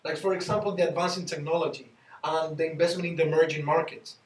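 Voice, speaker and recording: A man from Chile, giving a team business presentation and pausing now and then to search for words. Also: fairly high pitch, steady tone. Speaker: student presenter. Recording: roomy, distant mic.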